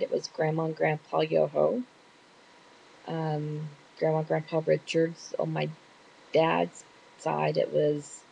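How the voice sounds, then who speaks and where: A middle-aged Texan woman with a Texas accent answers questions in a casual, slightly rambling way. Her voice is low-pitched, a bit mellow and has vocal fry, captured in a hissy, low-quality home recording.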